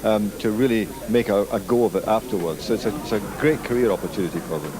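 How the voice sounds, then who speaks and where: Low-voiced man speaking outdoors over a crowd. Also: quick pace. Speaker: interviewee. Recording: street recording with crowd noise.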